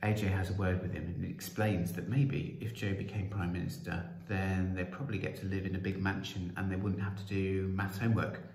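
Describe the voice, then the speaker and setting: A man's voice: low voice, flat delivery, brisk, few pauses, a little mellow. A man, a children's author, reading his own book aloud in a playful storytelling manner with chatty asides. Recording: roomy echo.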